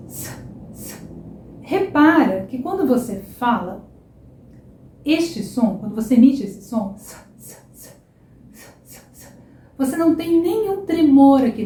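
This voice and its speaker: High-voiced Brazilian woman teaching slowly. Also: mellow, reverberant, slight background noise. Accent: Brazilian Portuguese. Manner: slow, drawn-out repetition of example words; checks in with frequent "tá?" and "ok?". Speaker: Portuguese teacher. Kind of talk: online language lesson.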